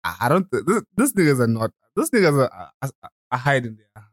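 A man's voice: medium pitch, huge pitch swings, fairly quick, dry recording, studio quality. A young man co-hosting a podcast in a casual, slangy chat style. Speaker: podcast co-host.

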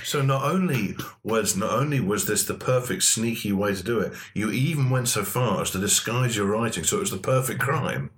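A man's voice: on the low side, expressive, normal speed, hardly any pauses. A man from the United Kingdom hosting a podcast, encouraging his guest in a casual chat and laughing easily. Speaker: podcast host.

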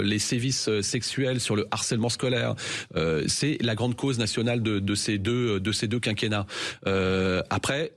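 A man on a debate show defending a position earnestly, with a steady delivery and occasional stumbles. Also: lowish voice.

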